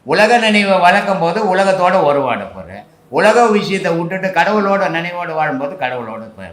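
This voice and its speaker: A man's voice: high voice, big pitch swings, normal speed, reverberant, a crowd in the background. An older man, a spiritual teacher, answering questions in casual, instructive speech with rhetorical questions.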